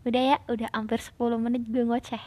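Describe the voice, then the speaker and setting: A woman's voice: fairly high pitch, little pitch movement, fast talker, warm tone. A young woman rambles reflectively in informal slang, as the host of a casual personal podcast. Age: young adult. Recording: noticeable background noise.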